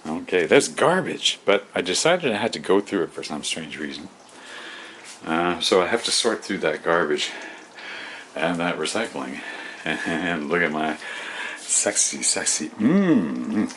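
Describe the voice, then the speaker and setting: Deep-voiced rambling man cooking. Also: animated, measured pace, fairly bright tone, slight background noise, rough recording. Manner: absent-minded, talks to himself while working. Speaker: home cooking vlogger. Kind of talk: rambling casual cooking commentary. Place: home kitchen.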